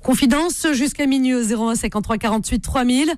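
A woman's voice: fairly high pitch, fast, darkish tone, no room sound, clean studio sound. A woman hosting a radio phone-in in a casual, conversational way, with short interjections to her callers. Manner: frequent short interjections and affectionate terms to callers. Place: dry radio studio.

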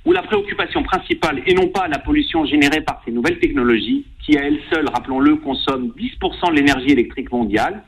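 Middle-aged male doctor-columnist, slightly high, husky, animated ironic delivery. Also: fast, few pauses, rough recording. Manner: long ironic sentences, emphatic rises. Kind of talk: spoken opinion column.

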